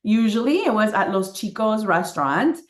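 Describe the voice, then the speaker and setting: A chatty woman hosts an interview, upbeat and quick to laugh. Her voice sits at a middling pitch. It rings a little in a roomy space. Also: expressive. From Miami, Florida. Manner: upbeat, laughs often, drops Spanish words. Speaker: podcast host. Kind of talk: casual interview. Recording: roomy echo.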